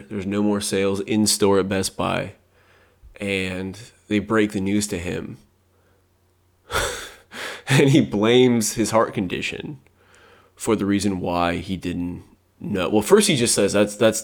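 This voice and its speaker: A man's voice: sits low, vocal fry. A man co-hosting a podcast, telling a story in loose, swearing, rambling casual chat. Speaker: podcast co-host.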